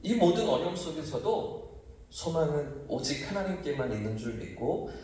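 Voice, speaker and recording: A man's voice: fairly high pitch, lively intonation, moderate pace, darkish tone. A man preaching as pastor at a dawn prayer service, asking rhetorical questions and rising to emphatic cries. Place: church sanctuary. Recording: distant mic, heavy church echo.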